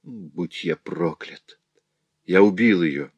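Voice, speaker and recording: A man's voice: low-pitched, takes it slowly, slightly rough, no room sound, highs cut off, full character voice. A man voicing a noble prince, a grieving and overjoyed middle-aged father, speaking in an impassioned, exclaiming way. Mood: anguished.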